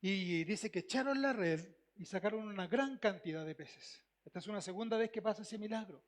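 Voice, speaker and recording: Un pastor con acento chileno que predica con énfasis, repitiendo frases y haciendo preguntas a la congregación. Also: male voice, sits high, fairly quick. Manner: emphatic, repeats phrases, asks the congregation questions. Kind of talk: sermon.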